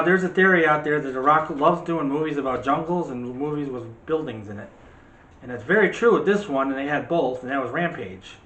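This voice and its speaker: A middle-aged man with a medium-pitched, sharp-toned voice co-hosts a movie review channel, chatting in a casual, rambling way with a teasing streak. He's recorded in a room at home, with a roomy echo and faint background noise.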